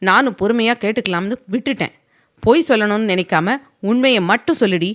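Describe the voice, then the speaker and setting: A woman's voice: medium pitch, natural voice. A woman reading an angry young husband. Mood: angry, scolding. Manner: fast angry scolding. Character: short-tempered young husband, harsh and scolding.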